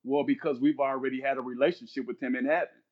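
A fast-talking minister in his fifties, guesting on a podcast, speaks in a mid-range voice with little pitch movement, and the highs are cut off. He stays earnest, repeats points and quotes scripture throughout this preaching-flavored conversation.

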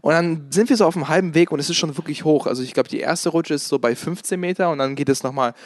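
Fast-talking high-voiced man telling a story. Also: no echo, studio quality. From immigrant to Germany. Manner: animated storyteller, acts out quotes loudly, many restarts. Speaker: podcast co-host telling a story. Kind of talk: casual chat.

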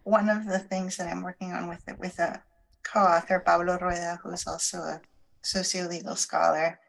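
A middle-aged woman from Chile, a law professor, answering interview questions thoughtfully, pausing to find her words. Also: fairly low pitch, flat delivery, creaky, low-quality recording.

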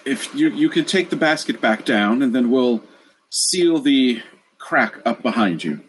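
A man voicing a kindly earth mother goddess in a tabletop game, speaking in a warm, serene, gracious manner. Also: medium pitch, animated, unhurried, a little hiss or hum, close to an everyday voice, low-quality recording.

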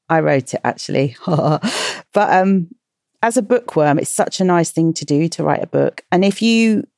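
A woman's voice: low voice, creaky, a little mellow, no room sound, studio quality. A woman with a British accent hosting a children's podcast, talking in a playful, chatty way and asking her young listeners questions. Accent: British English. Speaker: children's podcast host and author. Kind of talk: casual talk to children.

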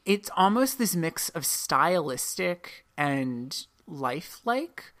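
Woman, low voice, podcast host, casual chat, rambling storytelling. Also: very animated, slow pace, a bit bright. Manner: rambling, self-correcting storytelling.

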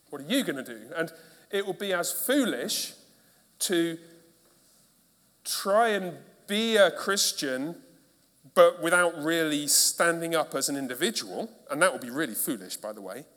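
Man, pastor, sermon, emphatic, repeated rhetorical questions, slightly high voice, long church reverb. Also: fairly bright tone.

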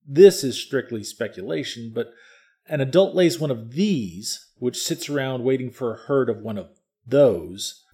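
A man's voice: medium pitch, animated, measured pace, mellow, natural voice. An actor playing a smug male field scientist who explains things in a matter-of-fact, lecturing way. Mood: explaining. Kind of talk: audiobook character reading.

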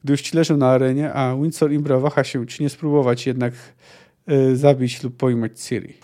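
A man's voice: mid-range voice, level tone, moderate pace, dark tone. A man hosting a book discussion podcast, talking casually and thoughtfully with fillers. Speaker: podcast host.

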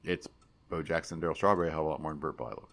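A man's voice: rumbling low, steady tone, very fast, gravelly, a bit bright. A man in his forties co-hosting a casual podcast, reading listener emails and arguing his opinions in a loose, playful way. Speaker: podcast co-host.

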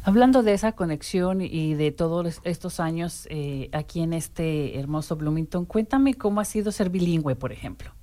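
A woman hosting a radio interview show in casual, chatty Spanish conversation, warm and playful with frequent restarts. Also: deep voice, animated, moderate pace, hardly any pauses.

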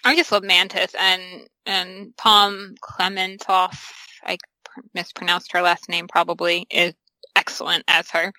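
A woman's voice: fairly low pitch, little pitch movement, unhurried, bright, forceful tone, dry recording, rough recording. A woman in her thirties chatting casually as a podcast co-host, rambling through stories with plenty of fillers. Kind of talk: casual chat about comic films.

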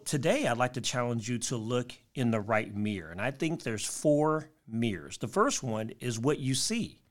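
A man's voice: medium pitch, expressive, moderate pace. A man hosting a motivational podcast, speaking directly to the listener in an upbeat, encouraging way and laying out tidy advice.

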